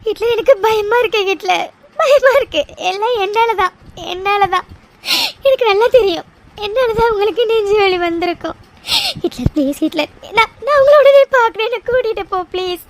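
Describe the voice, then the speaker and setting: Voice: very high-pitched, sing-song, fast, hardly any pauses, slight background noise. Someone doing a tearful, pleading young heroine. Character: young woman heroine, emotional and guilt-ridden. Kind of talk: cartoon voice acting.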